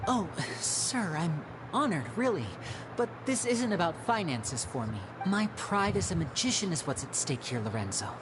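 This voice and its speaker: A young actor playing a polite, proud stage magician who speaks in a measured, theatrical way in a video game. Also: male voice, sits high, sing-song, noisy background. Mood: polite, poised. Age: young adult. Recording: game audio with music behind.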